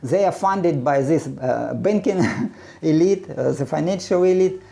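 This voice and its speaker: Halting, gravelly-voiced man. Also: on the high side, dark tone. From Ukraine. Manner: halting, with many restarts and filler sounds, blunt and opinionated. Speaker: presenter of a self-run research project. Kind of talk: casual unscripted monologue.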